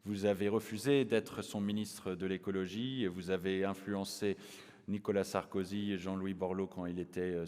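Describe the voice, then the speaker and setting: A very deep-voiced man moderates a talk on an opera house stage, long reverb trailing his words. He is polite and hesitant, restarting phrases and filling pauses as he sets up his questions. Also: darkish tone. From United States. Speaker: interviewer. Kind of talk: moderated public conversation.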